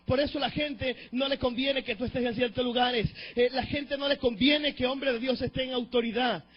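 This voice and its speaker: A Venezuelan man preaching a sermon as pastor, swinging from hushed asides to shouted emphasis and urging the congregation to repeat after him. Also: very high voice, steady tone, normal speed, husky. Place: church sanctuary. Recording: dull lo-fi church recording with faint mains hum.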